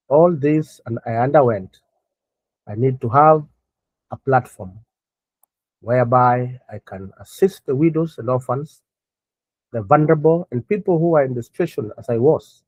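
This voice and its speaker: A middle-aged man from Kenya, a guest on a remote interview, speaking earnestly and in measured phrases with frequent pauses. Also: medium pitch, a little mellow, no echo, muffled recording. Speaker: guest, NGO founder.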